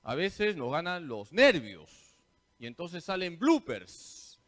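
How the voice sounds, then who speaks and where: Man, priest, slow and animated, quizzes the room and repeats points like a teacher. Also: on the high side. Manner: quizzes listeners with questions, then answers them himself. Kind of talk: parish catechesis talk.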